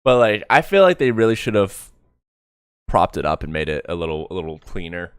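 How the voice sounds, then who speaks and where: Here a man with a deep, clean-toned voice reacts to an animated comic as a streamer, speaking a little fast with big pitch swings. He rambles casually, frequently correcting himself mid-thought and trailing off. The recording is dry and of studio quality.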